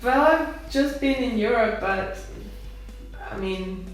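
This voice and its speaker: A woman chatting casually in a group Q&A, soft-spoken and quick to laugh. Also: on the high side, lively intonation. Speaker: co-host of a channel Q&A. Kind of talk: casual chat. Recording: roomy echo with music.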